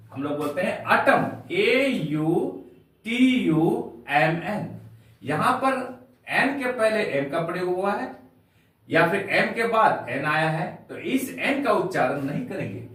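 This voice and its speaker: His voice sits high and a bit bright as he gives a spoken English lesson, addressing viewers as dear children and spelling out each word letter by letter. The room is echoey, and he's recorded from well away from the microphone.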